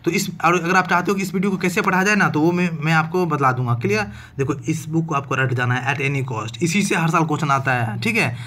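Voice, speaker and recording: Man, fairly high voice, exam-prep teacher, chatty, keeps checking if it is clear. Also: brisk, hardly any pauses, sharp tone, slight background noise. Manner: talkative, keeps asking "clear?". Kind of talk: casual online exam-prep lesson.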